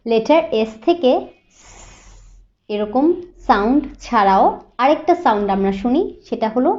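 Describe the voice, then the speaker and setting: A woman's voice: on the high side, animated, measured pace, a little mellow, lo-fi sound. A woman teaching English pronunciation, spelling out words letter by letter and repeating each word several times. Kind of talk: slow spoken phonics lesson.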